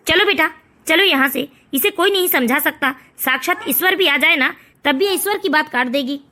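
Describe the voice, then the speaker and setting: A woman voicing a stern, blunt, fed-up older father-in-law in an animated family story. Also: high-pitched, normal speed. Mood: exasperated. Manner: blunt, scolding.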